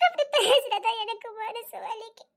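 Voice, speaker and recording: A woman's voice: very high voice, a little slow, a bit bright, full character voice. Woman playing a heartbroken, lovesick girl with a Tirunelveli accent. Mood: pleading, hurt. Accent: Tirunelveli Tamil. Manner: tearful, pleading, with nervous laughs. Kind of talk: romantic short-drama acting.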